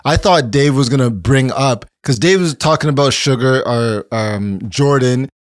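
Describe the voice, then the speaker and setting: A man's voice: mid-range voice, normal speed, smooth, no echo. Chill podcast guy telling a story, swears some, dry close sound. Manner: laid-back storyteller, laughs easily, swears. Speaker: podcast co-host. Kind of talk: casual chat.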